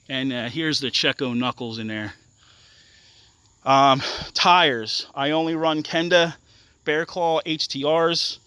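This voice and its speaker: A man casually walking through the mods on his off-road bike, halting with lots of ums and restarts, blunt and a bit profane. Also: fairly high pitch, bright, forceful tone, clear, resonant tone, no echo. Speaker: ATV owner explaining his bike mods. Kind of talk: casual walkaround explanation.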